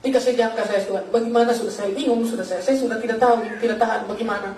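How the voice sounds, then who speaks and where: Man, pastor, fervent testimony sermon, rapid delivery, distant mic, echoey hall, faint background noise. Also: sits high, fairly even intonation, a little mellow. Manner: fervent storytelling, repeatedly addresses listeners as brothers.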